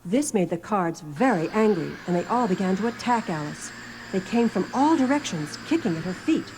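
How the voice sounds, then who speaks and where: A woman narrates a children's storybook in a scripted style. Her pitch is middling, with clear noise on the recording. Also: lively intonation, normal speed. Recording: noisy album recording.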